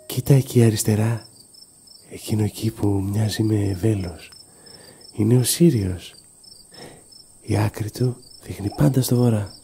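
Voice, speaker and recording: An actor playing a gentle father and lifelong wanderer in an audio drama, speaking calmly and slowly in a confiding way. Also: lowish voice, vocal fry, a little hiss or hum.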